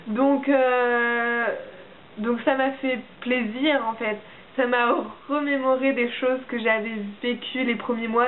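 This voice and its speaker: A young woman from France talks through her monthly update in a casual, halting way, full of fillers and restarts. Her voice sits fairly high. The sound is thin and phone-like, with a faint hiss underneath. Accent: French. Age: young adult. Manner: hesitant, many fillers and restarts. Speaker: au pair.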